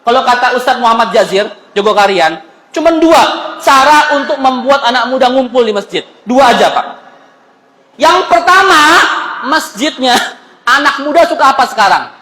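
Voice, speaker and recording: A man's voice: very high-pitched, animated, moderate pace, sharp tone, reverberant, long reverb tail, rough recording. A male preacher giving a humorous, colloquial sermon in a mosque, joking with and addressing the audience directly. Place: mosque hall.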